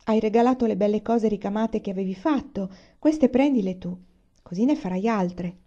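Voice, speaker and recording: A calm, practical pioneer mother, as a woman reads her lines aloud. Her voice is mellow and warm. The recording is dull and lo-fi. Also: mid-range voice, normal speed, close to an everyday voice. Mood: kind.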